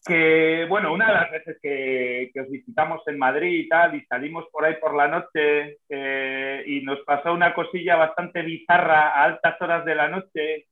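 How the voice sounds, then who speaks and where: A man's voice: fairly high pitch, steady tone, moderate pace, few pauses. Man with echoey tinny sound. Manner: hesitant, many restarts and fillers. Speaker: podcast co-host. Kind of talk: casual chat. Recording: echoey room over a tinny phone-like line.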